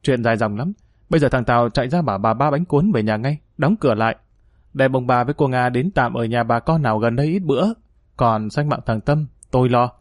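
A man's voice: medium pitch, a little fast, no echo, studio quality, lightly acted. A man reading an audiobook, voicing a decisive young male hero who gives urgent, commanding orders.

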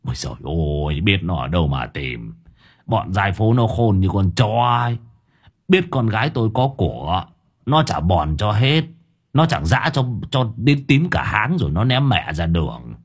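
Brief: man doing a husky, rustic old vendor, coarse and fretful, low rumbling voice. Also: heavily acted. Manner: whining, lamenting, cursing coarsely.

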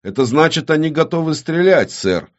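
A man voicing an experienced, gruff older destroyer captain with curt military replies. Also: fairly high pitch, animated, moderate pace, pitched above the performer's own voice, lightly acted. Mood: firm. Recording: dull lo-fi recording.

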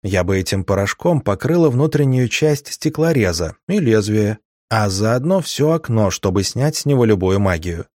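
A sharp-tongued young woman thief from a fantasy audiobook, put on by a male reader. She talks briskly and a little mockingly. The sound is dry and close. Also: expressive, no room sound, close to an everyday voice. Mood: explaining. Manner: raised lighter pitch, brisk and sardonic. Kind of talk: audiobook character voicing.

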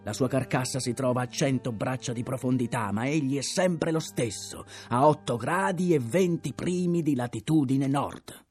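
A man's voice: medium pitch, moderate pace, hardly any pauses, a little mellow, soft background music, voice pushed up, natural voice. A man voicing a delirious, unhinged first mate who shrieks and jeers. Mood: bitter scorn. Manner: shrieking, jeering.

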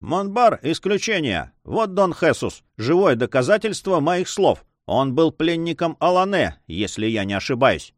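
A man's voice: a little high, sing-song, measured pace, hardly any pauses, dry recording, clean studio sound, pitched above the performer's own voice. A man voicing a self-satisfied, swaggering Spanish coast guard captain in an audiobook. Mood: boastful.

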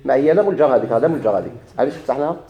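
A man's voice: mid-range voice, lively intonation, racing, lo-fi sound. A man with a Moroccan accent teaching a grammar lesson, putting questions to his students and answering them himself, repeating each key point.

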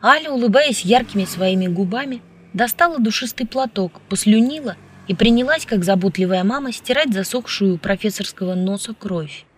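A woman narrating a novel as an audiobook in a steady, even storytelling manner. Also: medium pitch, moderate pace, hardly any pauses, slight background noise. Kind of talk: scripted narration.

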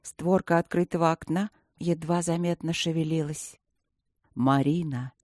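A woman narrating an audiobook in first person, speaking softly with a feverish, breathless edge. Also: on the low side, steady tone, normal speed, no echo, clean studio sound.

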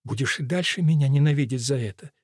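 A man's voice: medium pitch, fast talker, darkish tone, slightly rough, dry recording, studio quality, natural voice. A man reading an audiobook aloud and voicing a middle-aged village woman who earnestly pleads with her old rival. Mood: confessional. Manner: pleading, confessional.

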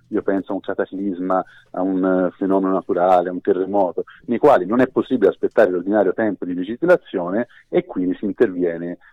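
Low-voiced man over the phone. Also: no room sound. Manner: formal, precise legal explanation. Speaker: legal expert guest. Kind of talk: radio interview by phone. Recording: tinny phone line.

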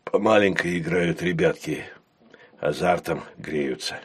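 A man voicing a burly male tavern keeper who speaks in a low, calm bass with quiet menace. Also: moderate pace, breathy edge. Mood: gentle.

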